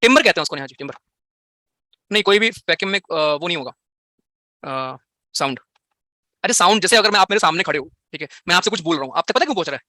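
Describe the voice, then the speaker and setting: A man's voice: high voice, expressive, fast, pauses often, bright, forceful tone, no room sound, clean studio sound. A young man teaching physics in a live online class, playful and teasing as he banters with his students.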